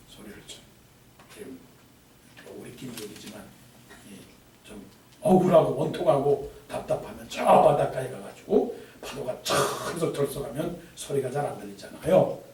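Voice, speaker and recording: A male pastor preaching a sermon with lively delivery, breaking into shouted cries and then dropping to hushed asides. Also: medium pitch. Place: church sanctuary. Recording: echoey hall from far off, faint noise.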